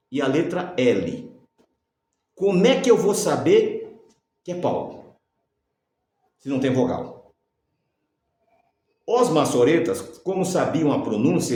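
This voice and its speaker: Lively echoing male Bible teacher. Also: on the high side. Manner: asks rhetorical questions and answers them himself; dictates letters for viewers to write down. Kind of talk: religious teaching lecture. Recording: very echoey room.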